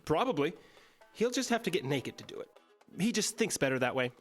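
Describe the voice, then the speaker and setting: A man playing an easygoing, higher-voiced deadpan guy. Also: brisk, soft background music. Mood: breezy deadpan. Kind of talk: comedic audio drama dialogue.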